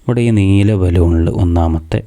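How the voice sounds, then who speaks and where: A man's voice: sits low, steady tone, warm tone. A man with a Malayali accent teaching a children's reading lesson, sounding out letters one by one and asking simple questions as he goes. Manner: slow, syllable-by-syllable spelling with repeated questions. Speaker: madrasa teacher.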